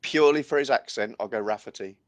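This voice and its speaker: A man's voice: medium pitch, fast, dry recording. A man in a casual podcast chat, laid-back and giving short answers. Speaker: podcast co-host.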